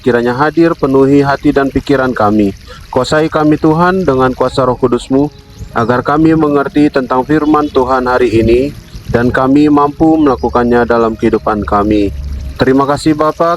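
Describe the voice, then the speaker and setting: A man's voice: medium pitch, a little hiss or hum, low-quality recording. Solemn man leading a devotional. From Indonesia. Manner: solemn, measured, addresses listeners as brother. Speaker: devotional speaker.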